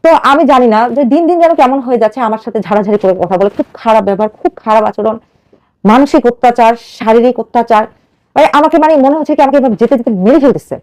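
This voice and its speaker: A woman from Bangladesh in her thirties tells her own story to a radio host. She talks very fast in a somewhat high voice. She is earnest throughout and acts out the lines of the people she quotes. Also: a little mellow. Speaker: caller telling her life story. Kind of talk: emotional personal storytelling.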